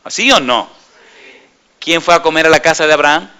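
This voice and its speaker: A man preaching a sermon, emphatic, putting repeated questions to his congregation and swinging from soft murmurs to raised exclamations. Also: on the high side, moderate pace, smooth.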